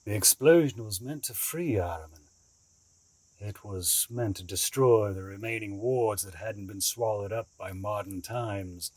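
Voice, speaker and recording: The performer, a man with a fairly low, husky voice, portrays a shrewd escaped asylum inmate in an audio drama, recorded dry. Deliberate, theatrical, and condescending yet calmly menacing, he sounds fervent and grave here.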